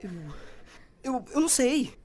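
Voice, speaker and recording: A woman's voice: sits high, animated, measured pace, darkish tone. A woman voicing a nervous, jobless young man in an amateur radio drama, stammering and hesitant. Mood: flustered.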